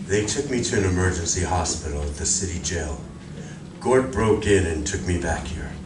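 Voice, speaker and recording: Distant, deep-voiced solemn alien visitor played by a man. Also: lively intonation. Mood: subdued, explaining. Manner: measured, grave, formal. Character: calm, solemn male visitor from another planet. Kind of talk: live stage radio drama acting. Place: library community room, live performance. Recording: roomy distant recording with clear noise.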